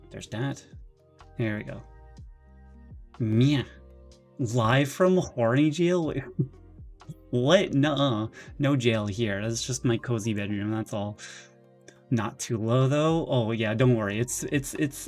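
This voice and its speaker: A man streaming from his bedroom, chatting casually, rambling and excitable, with lots of restarts and a slightly nervous, jittery edge. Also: medium pitch, slow pace, pauses often, soft background music. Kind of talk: casual live-stream chat.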